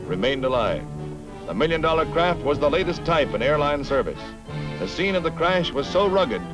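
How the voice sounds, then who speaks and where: This is a man's voice on an old 1950s newsreel, delivering the news in a brisk, punchy announcer style. His voice sits fairly high. A bold music score plays underneath him the whole time. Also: low-quality recording. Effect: old 1950s newsreel sound. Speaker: newsreel narrator. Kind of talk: scripted newsreel narration.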